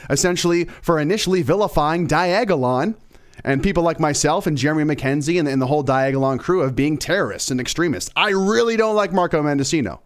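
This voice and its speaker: A young man hosting a casual political commentary livestream, sarcastic and emphatic, repeating words for effect. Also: sits high.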